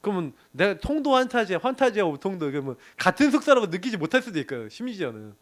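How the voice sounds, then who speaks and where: A middle-aged man preaching to a young adults group, telling animated stories and often laughing. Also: high voice, fast talker. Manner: animated storytelling with laughs and acted quotes. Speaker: pastor.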